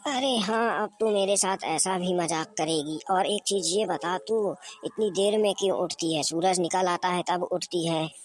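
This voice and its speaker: A woman's voice: on the low side, unhurried, hardly any pauses, natural voice. A woman voicing a nagging, sarcastic middle-aged mother-in-law in a comedy skit. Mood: scolding. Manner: scolding, sarcastic.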